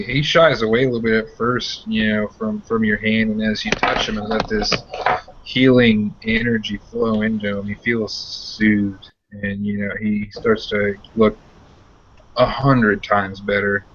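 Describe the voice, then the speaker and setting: A man's voice: lowish voice, a bit bright, lo-fi sound, a little hiss or hum. A man narrating as game master for a tabletop game, hesitant with many fillers.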